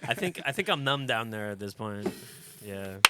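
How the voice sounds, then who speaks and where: A man's voice: fairly low pitch, expressive, normal speed, noisy background. A man co-hosting a casual comedy podcast, easygoing and chiming in with short replies. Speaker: podcast co-host.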